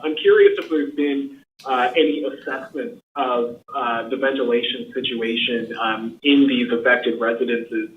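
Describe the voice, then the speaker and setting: A man's voice: medium pitch, slight background noise. A man, a TV reporter, asking a press briefing question hesitantly with many "uh"s, heard over a distant, echoey, dull remote line.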